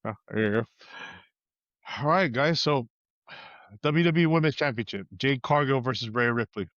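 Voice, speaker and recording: A man's voice: mid-range voice, normal speed, a bit bright, no echo, highs cut off. A man co-hosting a wrestling podcast in laid-back casual chat, laughing often. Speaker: podcast co-host.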